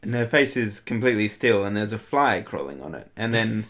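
A man co-hosting a podcast, talking in a relaxed, dry way with plenty of fillers. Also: fairly low pitch, a little fast. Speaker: podcast co-host. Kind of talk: casual chat.

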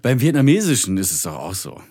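A man's voice: on the low side, sing-song, fast talker, a little mellow, husky. A man co-hosting a casual podcast chat, talking animatedly, laughing and imitating speech sounds. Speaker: podcast co-host.

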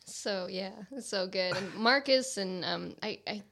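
A woman chatting casually on a podcast about a film, animated and laughing often as she quotes lines. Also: mid-range voice, unhurried. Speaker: podcast panelist discussing a film.

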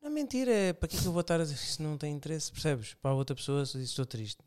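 A man's voice: a little high, sing-song, a little mellow, clean tone. A man with a European Portuguese accent in casual chat, blunt and peppering his talk with "percebes?". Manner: blunt, talks in quick bursts with "pá" and "percebes?". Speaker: conversation partner.

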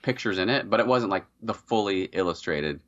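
A man's voice: low-pitched, expressive, fairly quick, fairly bright tone. A man co-hosting in a casual, conversational chat. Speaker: co-host. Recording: slightly dull, lo-fi microphone.

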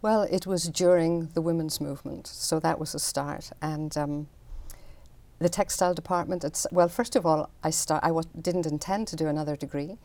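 A woman's voice: sits low, fairly even intonation, normal speed, a little mellow, no echo. An older woman, an artist explaining her work in a chatty interview. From Northern Ireland.

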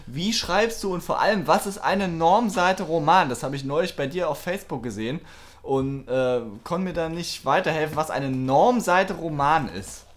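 A man's voice: fairly high pitch, moderate pace. Casual laughing male podcast host. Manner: relaxed, laughs easily, hesitant fillers. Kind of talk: casual chat.

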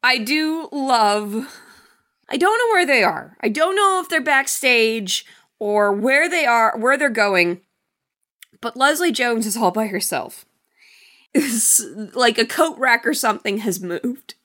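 Woman, high bright voice, lively, blunt casual film chat. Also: slow pace.

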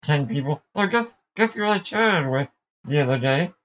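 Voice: mid-range voice, animated, normal speed, a bit bright, dull audio. A podcast co-host in casual chat, with dry, easygoing banter.

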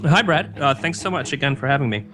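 A man speaking as a podcast guest in casual conversation, in a hesitant, halting way with repeated words. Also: a little high, expressive, a bit bright, soft background music.

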